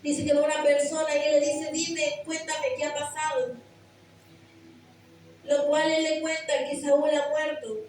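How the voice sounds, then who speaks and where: A woman preaches an earnest sermon, building to impassioned emphasis. Her voice sits high and carries through a booming, echoey church hall. The mic is set well back from her. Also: little pitch movement, measured pace, darkish tone, recorded from a distance, a little hiss or hum.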